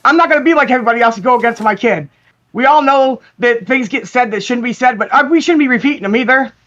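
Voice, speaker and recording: Woman pleading n apologizing over a muffled lo-fi call, bright edgy voice. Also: on the high side, fast. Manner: pleading, apologetic, repeats herself. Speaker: guest calling in. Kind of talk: emotional livestream apology.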